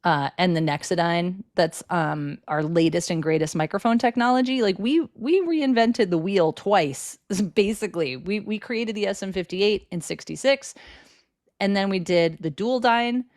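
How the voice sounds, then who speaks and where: A woman's voice: mid-range voice, normal speed, darkish tone, dry recording, studio quality. A woman co-hosting a live selling stream who demos microphones in an upbeat, chatty way. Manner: upbeat, salesy, laughs often. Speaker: co-host demoing microphones.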